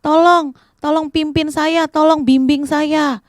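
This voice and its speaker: A desperate blind beggar, voiced by a woman, shouts his pleas high and loud, over and over. His voice is bright and strained with urgency. The sound is dry and close. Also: measured pace, gravelly, dry recording. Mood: pleading shouts. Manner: loud pleading cries.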